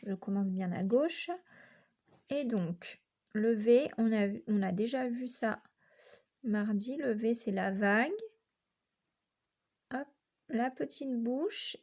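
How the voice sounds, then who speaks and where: A woman's voice: a little high, darkish tone. A woman teacher giving a patient, step-by-step handwriting lesson to young children. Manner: slow, patient step-by-step explanation. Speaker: primary school teacher.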